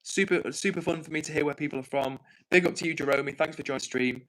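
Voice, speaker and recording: Speaking quickly in a somewhat high, slightly bright voice, this young English livestream host reads viewer comments aloud. He's chatty, apologetic and self-deprecating, laughing a lot, and the recording quality is low.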